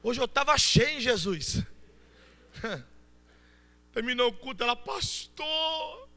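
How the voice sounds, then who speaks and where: A man with a Brazilian Portuguese accent preaching a Pentecostal sermon, shouting fervently and then dropping to soft storytelling. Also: extremely high pitch, lively intonation, a little slow, in a large hall. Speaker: pastor. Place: church.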